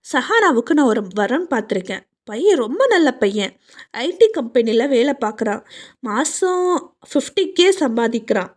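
A woman's voice: sits high, darkish tone. A woman voicing a jovial middle-aged father who speaks in an easygoing, fatherly way.

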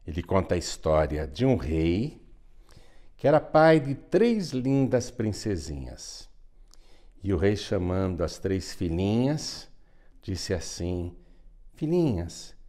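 A Brazilian pastor telling a children's story and addressing viewers directly, coaxing and animated. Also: male voice, deep voice, slow pace. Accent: Brazilian Portuguese. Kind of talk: storytelling and appeal for donations.

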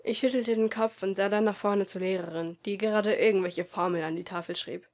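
A woman reading first-person fiction as an amateur audiobook, in a soft, subdued and emotional way. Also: mid-range voice, fairly even intonation, fairly quick. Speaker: audiobook reader.

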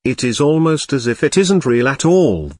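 A man narrating scripted commentary as host in a formal, deadpan way. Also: mid-range voice, normal speed, no room sound, studio quality.

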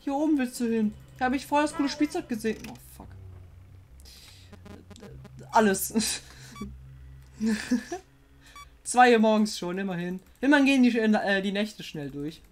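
A woman playing a horror game and commenting, jumpy and excitable, often swearing and coaxing the monster on screen. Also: on the high side, normal speed, pauses often. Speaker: let's player.

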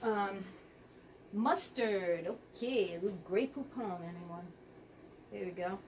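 A woman's voice: mid-range voice, slow, a little mellow, distant mic, a little hiss or hum. A woman hosting a live fabric sale, chatting casually as she reads out color names. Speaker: quilt shop host.

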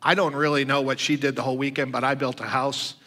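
An older man preaching a sermon, telling stories with lively acted-out dialogue and frequent fillers. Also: mid-range voice, fast talker, in a large hall. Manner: animated storyteller who acts out quoted dialogue. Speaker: guest preacher. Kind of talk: sermon storytelling.

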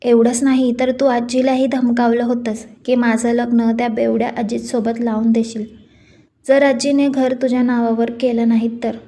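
A woman voicing a calm but defiant young woman standing up for herself. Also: on the high side, normal speed. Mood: firm. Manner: firm, steady.

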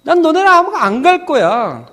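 A man voicing a sulking, angry father who scolds his children loudly and sarcastically. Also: very high voice, very animated, normal speed, in a large hall, pitched above the performer's own voice, exaggerated voice. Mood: huffy scolding.

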